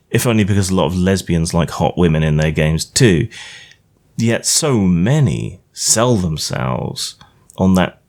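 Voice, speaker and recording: Middle-aged male, low register, for a scornful, profane, curmudgeonly rant monologue. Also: darkish tone. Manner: grumbling old-man rant, sweary, scornful. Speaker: game designer, commentator.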